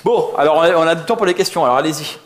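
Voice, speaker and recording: A software architect gives a casual, jokey tech talk to a live audience, poking fun at himself as he goes. His voice sits on the high side with lively intonation, and he speaks rapid-fire over a slight hiss or hum.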